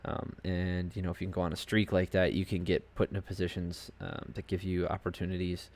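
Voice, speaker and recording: A man's voice: deep voice, flat delivery, fairly quick, darkish tone. A man hosting a podcast alone, giving casual, rambling commentary on fight results from a home desk setup, full of fillers and asides. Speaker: podcast host.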